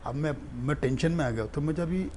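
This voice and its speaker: A man's voice: a little high, brisk, a little hiss or hum. A man, a stand-up comedian and mimic, telling stories animatedly in a casual interview. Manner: animated storytelling.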